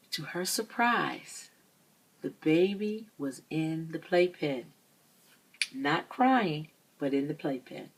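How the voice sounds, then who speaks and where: A woman's voice: low-pitched, husky. A middle-aged woman telling a story in an inspirational talk, with an emphatic storytelling manner. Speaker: speaker.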